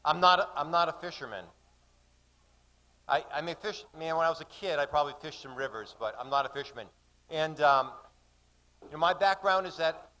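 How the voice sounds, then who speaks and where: A man in his sixties performing a sea story to a live audience at a café, shouting out the sailors' calls. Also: a little high, poor audio. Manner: dramatic, shouts out the calls and quoted voices. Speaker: storyteller reading at a poetry gathering.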